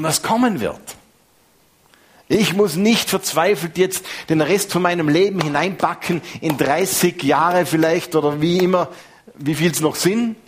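Man in his fifties, preaching sermon, husky, raised pitch. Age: 50s. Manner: conversational, lively preaching with restarts.

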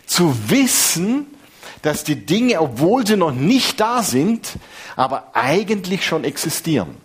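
Preacher, fifties, slightly high husky voice, conversational and lively. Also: male voice, takes it slowly. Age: 50s. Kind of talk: sermon.

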